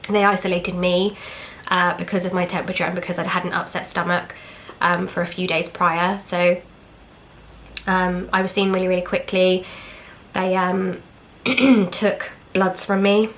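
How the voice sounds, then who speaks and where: Young English woman vlogger, chatty and candid, low flat delivery, slight hiss behind. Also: a little slow. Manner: candid, chatty, retells with quoted dialogue and fillers. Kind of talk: casual storytelling.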